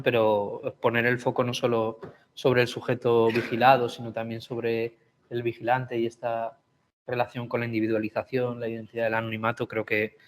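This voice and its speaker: A man's voice: medium pitch, a bit bright. A man with a Spain Spanish accent moderates a conference session in an informal, spontaneous way.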